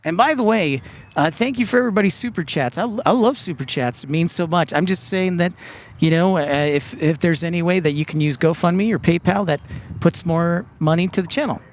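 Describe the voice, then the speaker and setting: A man's voice: a little high, a little fast. A man hosting a live stream outdoors, chatting casually and reading viewer comments aloud. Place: outdoors by an airport.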